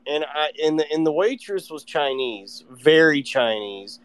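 A man hosting a casual podcast, telling rambling, profane anecdotes in an animated way. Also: fairly high pitch, measured pace, over a noisy crowd. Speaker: podcast host. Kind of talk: casual storytelling chat. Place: live online audio room.

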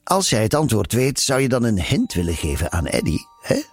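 A man playing a calm, enigmatic storyteller who speaks patiently and gently teases his listeners. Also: lowish voice, a little fast, breathy edge, pitched above the performer's own voice, full character voice.

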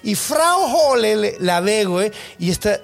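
A man's voice: high voice, a little slow, creaky. A young man with a Mexican Spanish accent hosting a podcast, retelling a tale in crude, slangy casual chat and acting out its characters. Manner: slangy, crude, animated retelling with acted-out quotes. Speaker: podcast host.

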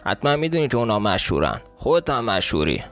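A man's voice: on the low side, sing-song, a bit bright, faint music behind. A man with a southern Iranian accent voicing a huge, hot-tempered male gamekeeper who talks bluntly and indignantly in a storybook reading. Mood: gruff.

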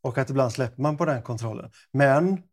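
A man's voice: medium pitch, fairly even intonation. A man co-hosting a podcast, talking in a playful, bantering way. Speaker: podcast co-host. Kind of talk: casual chat.

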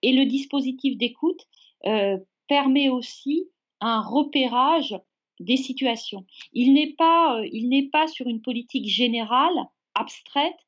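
A woman's voice: high voice, husky. Hesitant French-speaking woman, lo-fi. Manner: hesitant, many fillers and repetitions, measured. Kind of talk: spontaneous spoken answer. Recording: dull lo-fi recording.

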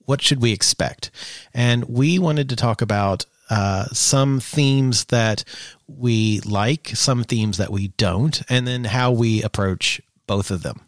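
A man's voice: medium pitch, takes it slowly, no room sound. Dry-sounding close-recorded man co-hosting a podcast. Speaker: podcast co-host. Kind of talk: casual podcast chat.

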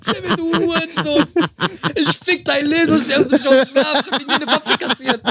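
A man voicing an unhinged male neighbor who rants and curses in a shrill voice. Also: fairly even intonation, normal speed, over a noisy crowd. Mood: ranting. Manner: shrill cursing rant.

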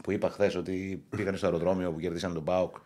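Male co-host in his thirties, low voice, chatty sports banter. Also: flat delivery, a little mellow. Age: 30s. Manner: reads out club news, then banters. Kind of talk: casual sports chat.

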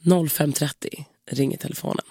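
A woman with a deep, dark voice telling an animated, profane story in casual chat and acting out the dialogue. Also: heavy background noise. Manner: animated, swearing, acts out dialogue.

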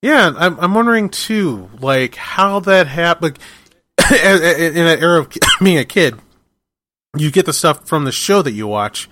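A man's voice: a little high, measured pace, no echo. Rambling podcast host man, dry sound. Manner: rambling, animated storytelling with restarts. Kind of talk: casual chat.

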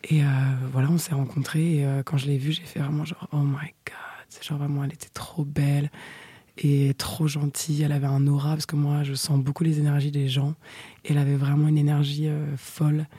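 A young woman chatting frankly into a close mic, her voice husky and breathy, often sinking to a half-whisper between fillers. The tone is dark and mellow, and the room sounds dry and dead. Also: deep voice, no room sound. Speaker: storyteller guest. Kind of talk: casual chat, personal anecdote.

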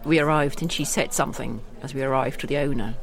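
A woman's voice: a bass voice, quick pace, vocal fry. Woman, podcast co-host, casual chat, anecdotal, dry teasing.

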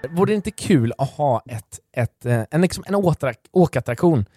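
A man's voice: on the high side, animated, warm tone, faint music behind. A man co-hosting a casual podcast, playful, with a strong voice and frequent laughter. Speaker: podcast co-host. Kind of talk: casual chat.

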